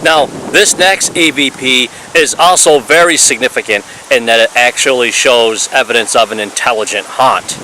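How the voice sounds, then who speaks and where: A man narrates his ghost-hunting findings in an earnest, explanatory voice-over. His tone is bright and forceful at a middling pitch. A faint hiss of noise sits under the recording. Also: moderate pace, hardly any pauses, low-quality recording. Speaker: paranormal investigator.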